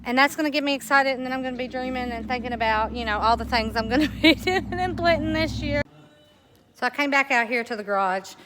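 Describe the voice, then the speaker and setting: A woman's voice: a little high, bright, forceful tone. A woman chatting casually in a rambling vlog, laughing often. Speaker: homesteading vlogger. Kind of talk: casual walk-and-talk vlog.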